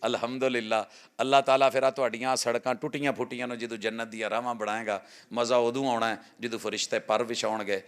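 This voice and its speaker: A man with a Punjabi accent preaching a sermon, telling stories and moving between loud exhortation and soft, hushed passages. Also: mid-range voice, fairly even intonation, a little fast, clear, resonant tone.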